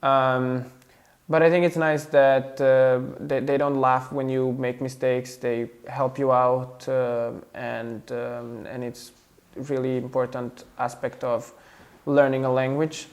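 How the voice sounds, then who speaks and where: A young man with a Serbian accent, speaking English as a second language in a relaxed interview. His voice sits in a middle pitch, and he often stalls on fillers and repeats words before finishing a thought. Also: slow. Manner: hesitant, many fillers and restarts. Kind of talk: casual interview talk.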